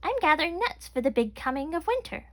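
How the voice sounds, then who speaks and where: A woman voicing a tiny, busy female chipmunk with a squeaky voice in a read-aloud storybook. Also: big pitch swings, fast talker, a bit bright. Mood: chirpy.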